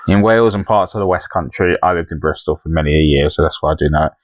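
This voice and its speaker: A man's voice: rumbling low, fast talker, no room sound, lo-fi sound. A man co-hosting a podcast in casual chat, reading quiz questions and joking teasingly. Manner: teasing, jokey. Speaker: podcast co-host.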